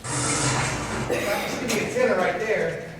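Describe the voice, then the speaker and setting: A paranormal investigator with a high voice presents evidence at a measured pace during a convention panel, speaking emphatically and repeatedly checking in with the audience with "okay?". The sound is distant, echoing through a hall with faint hiss.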